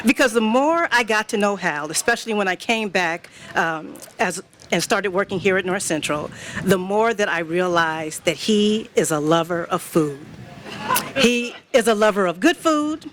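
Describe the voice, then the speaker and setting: A woman's voice: mid-range voice, expressive, unhurried, slight background noise. Middle-aged woman giving a heartfelt tribute. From Indiana. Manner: warm, personal, laughs often, sometimes emotional. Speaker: college staff member giving a dedication speech. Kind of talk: heartfelt ceremonial speech. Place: event hall with an audience.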